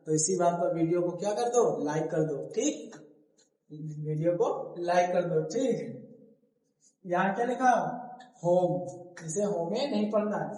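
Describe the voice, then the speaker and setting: A man's voice: sits high, normal speed, warm tone. A man teaching an English lesson, asking questions and answering them himself, repeating each word and its meaning. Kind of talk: classroom-style lesson explaining word meanings. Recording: echoey room.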